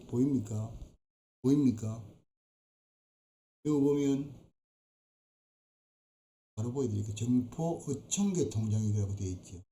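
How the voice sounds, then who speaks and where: Middle-aged man, very dark mellow voice, folksy live-stream consultant who chats and chuckles. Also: medium pitch, slight background noise. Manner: chatty, folksy, laughs between points. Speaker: fishing boat broker and fishing-village consultant. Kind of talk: casual live-stream talk.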